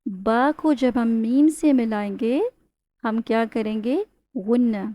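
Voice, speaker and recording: High-voiced woman teaching recitation. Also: fairly even intonation, warm tone. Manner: patient, explains slowly with questions to students; draws out demonstration words with nasal humming. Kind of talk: Tajweed lesson, teaching step by step.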